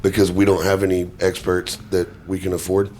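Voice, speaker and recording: A man's voice: monotone, brisk, a little mellow. Casual, swearing man in a noisy room. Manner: self-deprecating, joking. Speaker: podcast host. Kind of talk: casual chat, frequent swearing. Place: living room with tile floors and tall ceilings. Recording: echoey tiled high-ceilinged room, background noise.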